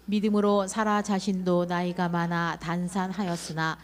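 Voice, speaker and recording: Brief: woman scripture reader, measured pace, resonant and a little low. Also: flat delivery. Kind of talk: reading scripture aloud. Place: church sanctuary.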